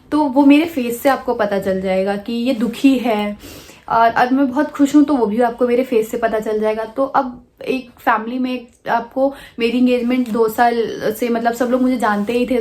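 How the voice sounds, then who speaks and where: A woman vlogger telling a personal story in a soft, hesitant way, pausing often with fillers and restarts. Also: fairly high pitch. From India.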